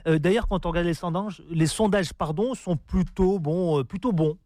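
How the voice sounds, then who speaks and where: A man's voice: sits high, normal speed, warm tone, no echo, studio quality. A man hosting a radio interview, teasing and theatrical with his guest. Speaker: radio host.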